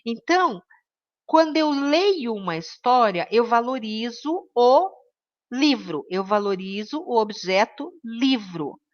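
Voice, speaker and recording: A woman's voice: on the high side, animated, slow, dull audio. A woman teaching an online course on reading to children, explaining step by step and often adding tag questions.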